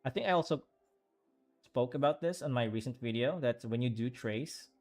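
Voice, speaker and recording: A man's voice: medium pitch, lively intonation, normal speed, a little mellow, faint music behind. A man who is an artist, chatting casually on a livestream while he draws and rambling with lots of fillers and restarts. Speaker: artist streaming while drawing.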